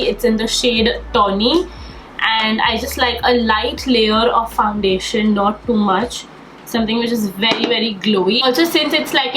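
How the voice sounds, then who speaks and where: On the high side with a fairly bright tone, a young woman's slightly cold-stuffed, nasal voice carries an enthusiastic makeup tutorial. She's a beauty vlogger doing a casual get-ready-with-me, and the room sounds echoey with faint background noise.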